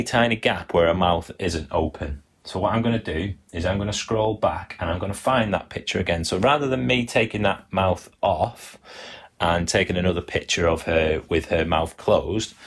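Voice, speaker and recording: A man's voice: deep voice, creaky, husky. A man hosting a live animation workshop, chatty and explaining step by step while reading out viewer comments. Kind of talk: live-stream teaching demo.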